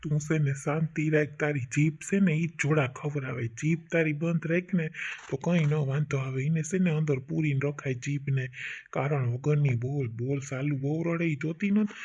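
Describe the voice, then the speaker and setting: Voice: medium pitch, moderate pace, darkish tone, husky. A performer playing a stern old village father who lectures his family. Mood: scolding. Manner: lecturing, scolding. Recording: dull lo-fi recording.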